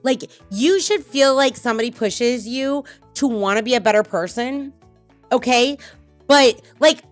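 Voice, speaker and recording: A woman's voice: fairly high pitch, a little slow, faint music behind. A middle-aged woman hosting a casual podcast, talking bluntly and swearing freely as she tells personal stories. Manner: blunt, swearing, animated storytelling. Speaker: podcast host.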